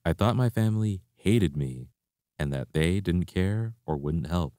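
A young man, a karate instructor, reading his own memoir aloud in a steady, reflective way. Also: low-pitched, a little slow, no echo, studio quality. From Canada. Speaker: martial arts instructor.

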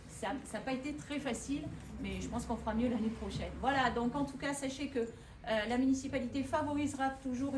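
A woman who is a local elected official gives a halting opening speech at an art exhibition, full of fillers and restarts. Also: fairly high pitch, recorded from a distance, noisy background. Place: exhibition room in an old town hall. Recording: echoey room, voice from afar, faint ambience.

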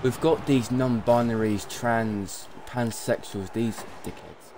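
A man's voice: mid-range voice, takes it slowly, noisy background. A young British man, an irritable raging gamer who swears as he rants on a livestream while gaming. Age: young adult. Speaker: video game streamer. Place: small bedroom, indoors. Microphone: gaming headset.

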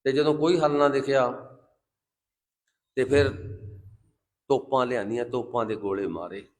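A man preaching a Sikh sermon with passion, slowing down to intone lines of scripture. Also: mid-range voice, fairly even intonation. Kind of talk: Gurbani sermon with sung scripture quotes.

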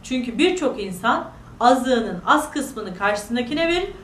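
A woman's voice: on the high side, expressive, reverberant, a little hiss or hum. A woman voicing a kind wise old man. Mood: instructive. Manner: slow, instructive, earnest.

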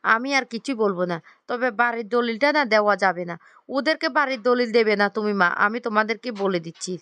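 A woman voicing a quick-tempered, scheming young sister-in-law. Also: fairly high pitch, pushed and bright, clean tone, no echo. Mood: angry. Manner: snappish, angry, conniving.

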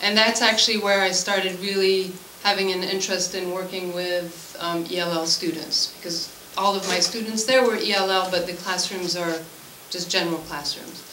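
Indoors at a committee meeting in a school room, a woman from Switzerland in her forties, whose native language is French, casually presents herself as a language teacher. She talks at normal speed with few pauses, her lowish voice fairly even in intonation, and the distant mic picks up room echo and background noise.

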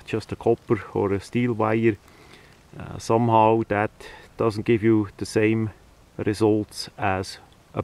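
Standing outdoors beside a tarp laid on the ground, this non-native English-speaking man, a hobbyist video maker, walks through a casual hands-on demonstration with hesitant wording. His voice sits on the low side with a darkish tone, and there's a little hiss or hum.

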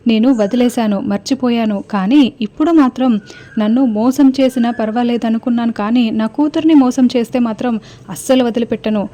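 Woman reading a vengeful middle-aged mother, shouting accusations, mellow fairly high voice. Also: a little fast, natural voice. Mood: furious.

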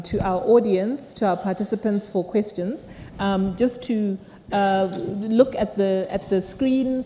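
A woman's voice: mid-range voice, warm tone. Middle-aged woman moderating a town hall. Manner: hesitant, with many fillers and restarts. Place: lecture hall, seated on a panel. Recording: roomy hall reverb with faint noise.

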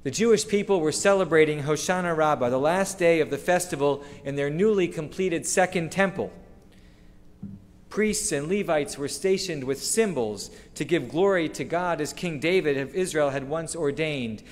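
Middle-aged male rabbi, earnest measured sermon, slightly high voice, lectern mic in a big sanctuary with long reverb. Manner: measured, earnest preaching with slow emphatic phrases. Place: synagogue sanctuary, standing at a wooden lectern. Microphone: lectern microphone. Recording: long reverb of a large hall.

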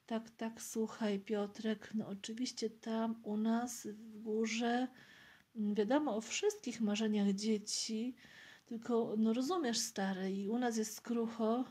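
Woman voicing a jovial young man in a gift-bringer costume, bluffing chatter, soft breathy voice, mellow tone, slow storybook reading. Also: a little high, steady tone. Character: cheerful young man dressed as a Christmas gift-bringer, kindly joking. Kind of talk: audiobook reading of a novel.

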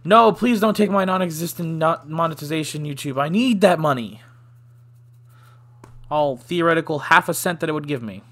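A man's voice: fairly high pitch, expressive, moderate pace, a bit bright. Joking, sighing gaming host man. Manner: joking, self-deprecating, sighing. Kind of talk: casual let's play commentary.

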